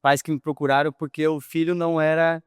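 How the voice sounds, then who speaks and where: A man's voice: a little high, little pitch movement, fairly quick, clear, resonant tone, no echo, clean studio sound. A man, a physical education teacher, answering interview questions in a thoughtful, hesitant way with many fillers.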